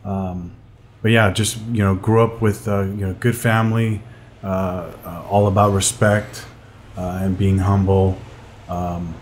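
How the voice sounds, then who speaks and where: A man's voice: low-pitched, little pitch movement, a little slow, slight background noise. A middle-aged man from Glendale, California, a sales coach speaking unhurriedly as a podcast guest, with many fillers and restarts. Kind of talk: casual interview.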